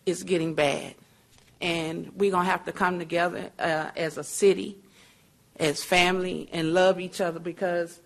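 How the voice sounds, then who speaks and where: A woman speaks slowly and deliberately, her voice low and gravelly with fry. She pleads at a council podium mic, repeating her points with churchlike phrasing. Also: fairly bright tone. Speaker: public commenter. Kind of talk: impassioned public comment. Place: city council chamber. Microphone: podium microphone.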